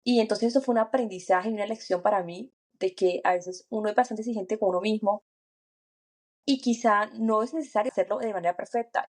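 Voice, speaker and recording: Speaking a little fast in a mid-range voice, this podcast co-host, whose first language is Spanish and who lives and works in France, chats reflectively. She comes across as earnest and encouraging, thinking out loud and restarting in small ways.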